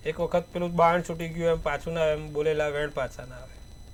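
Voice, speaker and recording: A man with a high voice gives a daily horoscope and tarot reading. He advises in repetitive, proverb-like phrases. His loudness rises and falls, with emphatic bursts on key words. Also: steady tone, a little fast. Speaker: astrologer.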